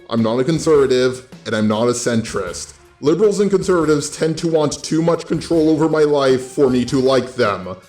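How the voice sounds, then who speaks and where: Speaking at medium pitch with a slightly mellow tone, this Californian YouTube host, who uses a robot avatar, runs through a scripted opinion monologue. He's American, and his delivery is blunt, sweary and sardonic. A faint music bed and roomy echo sit under the recording.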